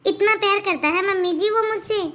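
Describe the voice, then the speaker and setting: An earnest young married woman in a cartoon, voiced by a woman. Her voice sits very high and sounds sharp and bright. She talks with an earnest, reproachful tone. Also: brisk. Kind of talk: Hindi cartoon voice acting.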